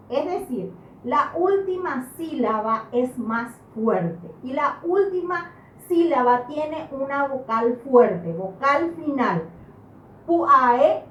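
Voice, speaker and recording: A woman teaching a grammar lesson, speaking slowly and deliberately and stressing each example word. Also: high voice, a bit bright, recorded from a distance. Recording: roomy sound from off-mic with faint background noise.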